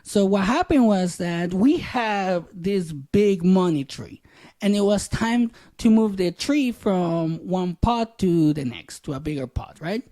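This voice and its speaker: Man, podcast host, casual monologue, candid, swears a little, mellow voice. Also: high-pitched, lively intonation, slow pace.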